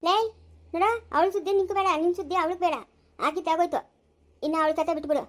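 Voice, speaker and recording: A woman with a rural Chikkaballapura Kannada accent plays a sharp-tongued village mother-in-law who scolds and shoos people off bluntly in a home-made family skit. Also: very high voice, fairly even intonation, fast. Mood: scolding.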